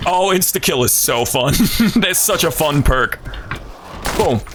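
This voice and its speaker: A man's voice: on the high side, animated, measured pace. A man giving casual, playful live gameplay commentary and chatting to his viewers. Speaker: game streamer. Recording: game gunfire noise behind voice. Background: video game sounds and gunfire.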